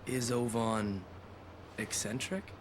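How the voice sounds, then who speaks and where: A man's voice: medium pitch, fairly even intonation, slow pace, lightly acted. An actor playing a terse, impatient young man in a video game, curt and guarded. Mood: guarded, sullen. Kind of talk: English video game voice acting. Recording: clearly noisy game audio with ambience.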